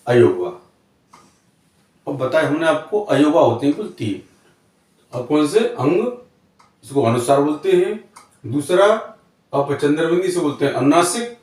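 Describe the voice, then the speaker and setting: A man's voice: on the high side, very echoey, far from the mic. A man teaching a grammar lesson for exam students, reciting letters one at a time and repeating each point.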